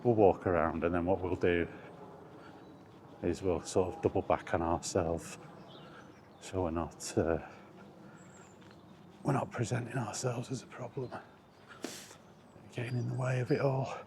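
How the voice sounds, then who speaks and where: With a low-sitting voice, measured pace, and long pauses, a solo vlogger walks outdoors on streets or paths, rambling easygoingly to himself with trailing asides. The recording is noisy with sounds from the environment.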